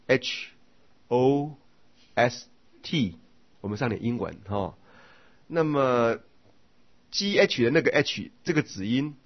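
An older man giving a casual Buddhist sutra lecture, reading scripture slowly and then drifting into chatty side stories. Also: on the low side, husky. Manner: chatty and digressive, drawn-out slow scripture reading. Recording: dull lo-fi recording.

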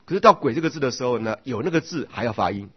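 An older man giving a casual Buddhist sutra lecture, reading scripture slowly and then drifting into chatty side stories. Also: mid-range voice, expressive, breathy edge. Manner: chatty and digressive, drawn-out slow scripture reading. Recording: dull lo-fi recording.

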